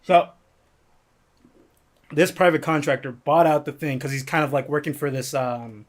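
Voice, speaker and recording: A podcast host with a slight lisp and a fairly high voice speaks at a moderate pace during a casual chat. He runs a guessing game, reading out movie descriptions.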